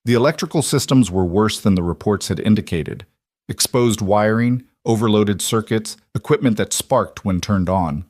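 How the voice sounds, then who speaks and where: Man, story narrator, low voice, measured, dry close sound. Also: darkish tone, no echo.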